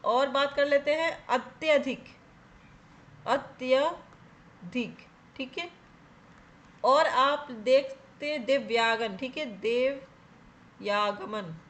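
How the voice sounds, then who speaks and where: A woman's voice: sits high, slow pace, a bit bright. A woman teaching a grammar lesson for exam preparation, explaining step by step and checking in with viewers as she goes. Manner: explains step by step, often asks and answers her own questions; repeats "theek hai" to check in with viewers.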